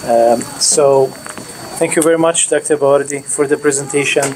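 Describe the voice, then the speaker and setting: A man's voice: mid-range voice, steady tone, moderate pace, heavy background noise. A man organizing a student field trip, making announcements and introductions with many hesitations. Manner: stop-start, many fillers.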